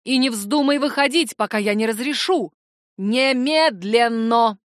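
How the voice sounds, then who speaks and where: A woman voicing a stern, fearful middle-aged mother who scolds in a sharp, commanding way. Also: on the high side, lively intonation, normal speed, dry recording, studio quality, lightly acted.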